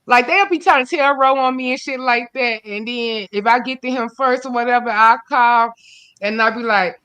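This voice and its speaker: A woman host, chatting casually and telling animated stories about herself. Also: a little high, moderate pace, clear, resonant tone, dry recording. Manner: animated storytelling, quoting herself loudly. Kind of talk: casual chat.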